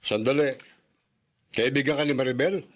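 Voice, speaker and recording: A man's voice: medium pitch, moderate pace, lightly acted. An actor playing a wary, suspicious middle-aged father in old radio show acting. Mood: questioning.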